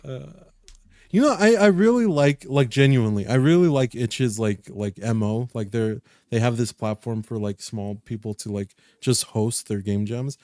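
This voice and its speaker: A man's voice: mid-range voice, moderate pace, dark tone, no room sound, studio quality. A man chatting casually on a podcast with friends, laid-back and slangy. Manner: laid-back, slangy, says "bro" often. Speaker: podcast co-host. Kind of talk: casual banter among friends.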